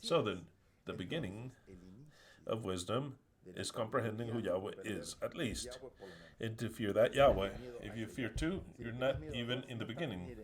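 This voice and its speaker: With a lowish voice and moderate pace, a man with an Argentinian accent preaches. He has his audience repeat lines after him, his delivery swinging from booming emphasis to soft asides.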